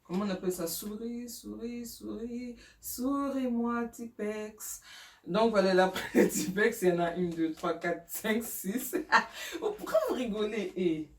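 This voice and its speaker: A woman's voice: mid-range voice, very animated, moderate pace, reverberant, recorded from a distance. A middle-aged mother chatting casually through her child's school supplies, hesitant with many fillers and laughing at herself. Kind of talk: casual home vlog.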